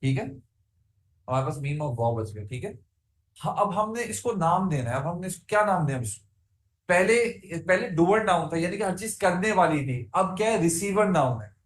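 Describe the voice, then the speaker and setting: Male teacher a high voice and tinged speech, drills a class repeated questions; roomy sound. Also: expressive, normal speed. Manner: asks students repeated questions, chants word forms. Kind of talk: classroom grammar lesson.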